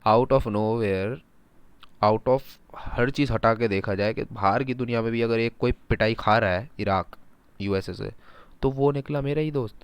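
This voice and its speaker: A man giving a casual, animated lecture, mixing Hindi and English, asking his students rhetorical questions. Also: mid-range voice, measured pace, clear, resonant tone, dry recording. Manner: animated, talks in first person as a country, rhetorical questions. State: sore throat. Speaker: teacher.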